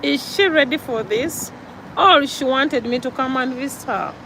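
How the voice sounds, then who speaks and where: A woman's voice: sits high, unhurried, pushed and bright, slight background noise, poor audio. A Ugandan woman with a Ugandan accent gives an earnest, preachy vlog monologue, repeating her points for emphasis. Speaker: vlogger.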